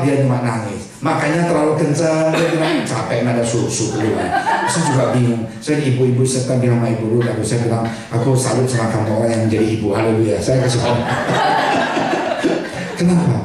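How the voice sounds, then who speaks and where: Older male pastor, jokey animated preacher, recorded from afar in a reverberant church with the crowd behind. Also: medium pitch. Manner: animated, joking, mixing in English and Chinese words. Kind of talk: sermon. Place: church hall. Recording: echoey hall from far off with congregation. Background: congregation laughing.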